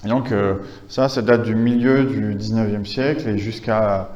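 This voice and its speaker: A man's voice: lowish voice, fairly even intonation, unhurried, darkish tone, echoey room, dull audio. A man giving a conference lecture, talking with many hesitations, fillers and restarts. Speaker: conference speaker.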